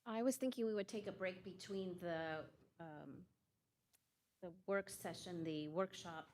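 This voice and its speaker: A woman from California chairing a school board meeting, relaxed and plainspoken. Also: fairly low pitch, measured pace. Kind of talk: running a public meeting.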